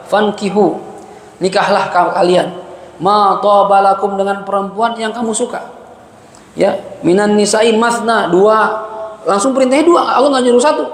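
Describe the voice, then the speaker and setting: A male religious teacher giving a chatty, colloquial lecture that mixes Arabic citations with casual slang and light chuckles. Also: sits high. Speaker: ustadz teaching a mosque study session. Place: mosque hall. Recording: echoey mosque hall, faint background hiss.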